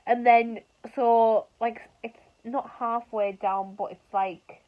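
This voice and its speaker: A woman's voice: a little high, steady tone, takes it slowly, narrow, tinny audio. A hungover young British woman telling a story in casual, sweary, informal chat. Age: young adult.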